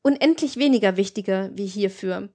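A woman's voice: medium pitch, moderate pace, mellow, natural voice. A woman voicing a cynical, hard-hearted older female gang leader, lecturing with scorn. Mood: scornful.

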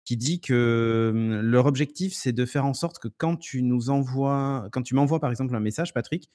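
A man co-hosting a casual tech podcast, jumping in with quick reactions. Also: mid-range voice. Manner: quick reactions, lively interjections.

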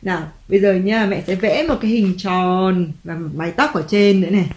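At home, a mother patiently teaches her child letters and tone marks in a reading lesson, slowly drawing out the spelling and praising often. Her voice is medium-pitched and a little mellow, and the echoey room carries faint background music.

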